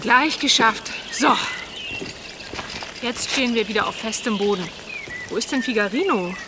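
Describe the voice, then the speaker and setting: A woman playing a brisk, quickly annoyed hiker. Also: on the high side, noisy background, close to an everyday voice. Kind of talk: children's radio play.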